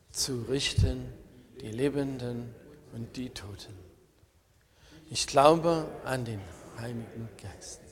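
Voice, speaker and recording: A middle-aged man from Germany, leading the creed and preaching in a measured, solemn manner during a church service. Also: medium pitch. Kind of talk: church liturgy and sermon. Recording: long church reverb.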